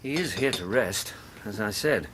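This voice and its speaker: An actor playing a loyal, concerned English gentleman doctor in a radio drama, speaking in an earnest, formal manner. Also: lowish voice, expressive, normal speed, background noise, close to an everyday voice. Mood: cordial, measured.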